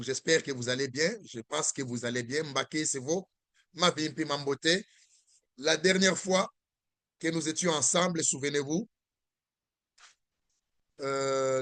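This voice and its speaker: Slow, patient man teaching on a call. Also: on the high side, fairly bright tone, dry recording. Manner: slow, patient, repeating words for learners. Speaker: language teacher. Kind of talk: online language lesson.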